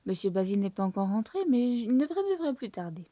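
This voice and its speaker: A woman's voice: medium pitch, very animated, fast talker, mellow, no echo. A woman voicing a kindly, chatty female housekeeper in a storybook reading, courteous and explanatory.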